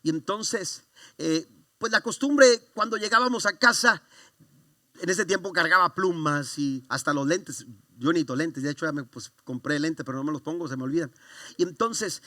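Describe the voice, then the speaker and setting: A man's voice: on the high side, bright, forceful tone, no room sound, clean studio sound. A man, preaching a sermon in church and telling a personal story with many restarts and fervent exclamations. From Mexico. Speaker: pastor.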